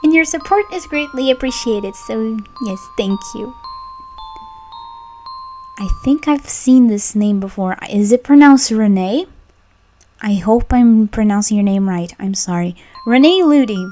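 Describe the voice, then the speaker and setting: Soft music plays behind a young Brazilian Portuguese-speaking voice actress and channel host as she playfully fields fan questions in a casual chat. Her warm, fairly high voice has lively intonation and an unhurried pace, bubbly and full of giggles.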